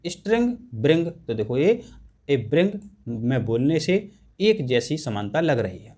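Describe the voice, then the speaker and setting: A man's voice: mid-range voice, sing-song, unhurried, warm tone. A man teaching an exam-prep lesson, explaining English grammar to students and repeating and stressing key points.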